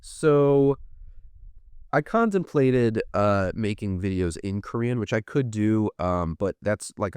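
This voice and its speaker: An American podcast host in his thirties rambles casually through a livestream, reading out viewer comments and swearing offhand. His voice is deep, a little mellow and smooth. The sound is studio quality with no echo.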